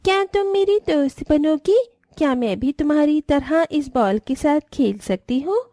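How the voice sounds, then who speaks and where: A woman's voice: high-pitched, lively intonation, measured pace, mellow, no room sound, studio quality. A woman voicing a small girl who is secretly a witch in a cartoon, asking sweetly to be friends. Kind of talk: Hindi cartoon voice acting.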